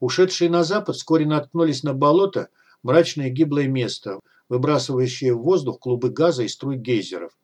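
A man narrating an audiobook in a steady, measured reading. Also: medium pitch. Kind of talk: scripted narration.

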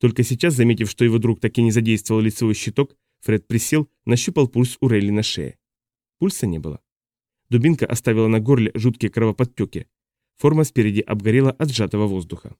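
A man narrates an audiobook with steady, even storytelling. His voice is dark and relaxed, and the recording is dry and close with no room echo. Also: lowish voice, fast talker. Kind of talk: scripted narration.

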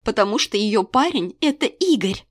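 A woman reading an audiobook, voicing a furious middle-aged friend and mother who shouts crude accusations down the phone. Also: medium pitch, lively intonation, normal speed, no room sound, clean studio sound, natural voice. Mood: furious shouting.

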